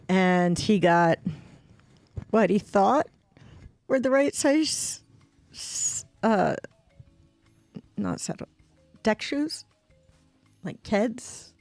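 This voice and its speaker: A woman streamer telling a story slowly and casually, with laughs and imitated squeak sounds, from home at a desk mic. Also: lively intonation, darkish tone, no echo, soft background music.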